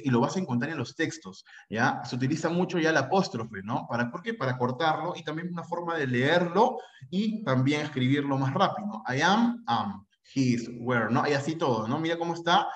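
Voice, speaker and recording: A Peruvian man with a Peruvian Spanish accent teaches an English class to pre-university students, keeping up a chatty flow and checking in constantly with tag questions. His voice is fairly high, and the sound is roomy and lo-fi.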